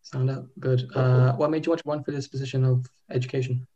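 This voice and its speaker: A man interviews casually and with few words. His voice is dark and soft-edged, with almost no pitch movement. The recording is somewhat dull and lo-fi. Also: level tone, quick pace.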